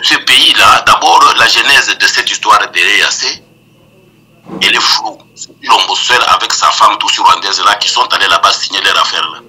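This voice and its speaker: A man's voice: lowish voice, normal speed, pushed and bright. An older man gives impassioned political commentary over the phone, emphatic and stammering through restarts. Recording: tinny phone line.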